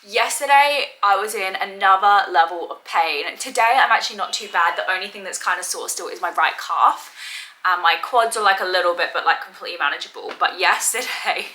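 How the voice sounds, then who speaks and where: A woman's voice: mid-range voice, brisk, sharp tone, poor audio. A young adult woman chatting casually to her viewers as a vlogger. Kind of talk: casual chat to camera.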